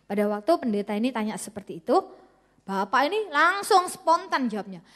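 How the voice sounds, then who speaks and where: A woman's voice: a little high, expressive, fairly quick, a bit bright, in a large hall. A middle-aged woman pastor, preaching a church sermon and acting out the voices of people in her stories. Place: church worship hall.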